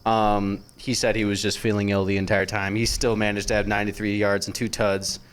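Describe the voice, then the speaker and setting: A young man co-hosting a sports podcast, chatting casually, joking and rambling with quick laughs. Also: fairly low pitch, level tone, smooth. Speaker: podcast co-host.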